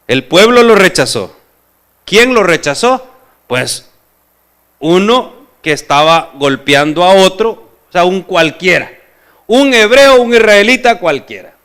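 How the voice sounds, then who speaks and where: A man preaching a sermon as pastor, asking his congregation questions in an expressive manner. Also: on the high side, smooth.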